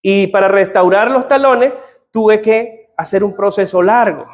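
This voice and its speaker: A man's voice: high voice, measured pace. A middle-aged man preaching a sermon as pastor, telling personal stories in an earnest way. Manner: earnest, personal storytelling with quoted dialogue.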